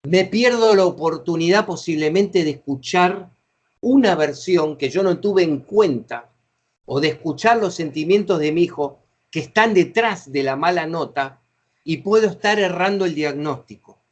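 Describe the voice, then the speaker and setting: A man's voice: a little high, animated, moderate pace, dull audio. A middle-aged Argentine man runs a facilitator training session, talking at length in a slightly raised voice. He explains in a chatty way and acts out short example phrases. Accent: Argentine Spanish.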